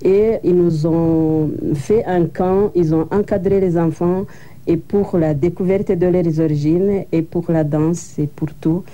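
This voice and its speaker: A woman's voice: lowish voice, steady tone, slow, warm tone, dull audio. A woman giving interview answers in a plain, matter-of-fact storytelling way. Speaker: interviewee, association co-founder.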